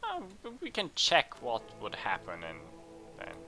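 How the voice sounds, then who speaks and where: A man hosting a let's play, chatting casually and thinking aloud as he plays, with bursts of excitement in tense moments. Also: medium pitch, unhurried, over music. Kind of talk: casual game commentary.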